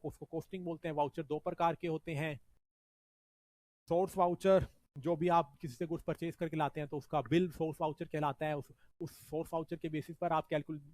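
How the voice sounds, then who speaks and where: A man's voice: a little high, no room sound. A man teaching a revision lecture. He explains step by step and often adds "ठीक है जी" as a check-in. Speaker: accounting teacher.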